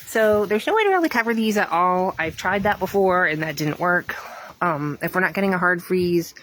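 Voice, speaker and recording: A woman's voice: fairly low pitch, animated, moderate pace, a bit bright, slight background noise. A woman talking in a rambling, chatty way on a casual garden tour, filming herself outdoors with a phone while out of breath. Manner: rambling, many ums, chatty. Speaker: gardening vlogger.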